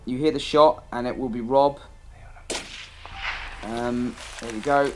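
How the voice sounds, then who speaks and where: A man with a mid-range, slightly mellow voice narrates his own amateur hunting footage, speaking slowly with fairly even intonation. His voice-over is casual, plain, and matter-of-fact, like a conversation. The recording is rough, with background music playing behind him.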